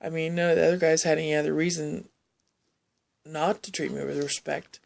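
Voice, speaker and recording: A woman telling a personal story in a halting, rambling way, often restarting her sentences. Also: deep voice, fairly even intonation, creaky, darkish tone.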